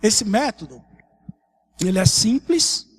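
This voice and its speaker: Slow and high-pitched with a breathy edge, a Brazilian pastor speaks in São Paulo Portuguese tones during a morning sermon in a church hall. He preaches conversationally, often adding tag questions, with lively shifts throughout.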